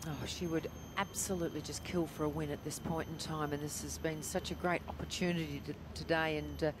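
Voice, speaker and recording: A woman's voice: low-pitched, fairly even intonation, a little fast. A woman giving live television golf commentary, reacting to play with descriptive analysis. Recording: noisy outdoor broadcast sound. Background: outdoor tournament ambience.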